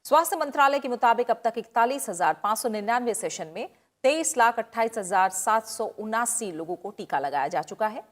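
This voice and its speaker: A woman news anchor reading headlines in a steady, measured delivery. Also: a little high.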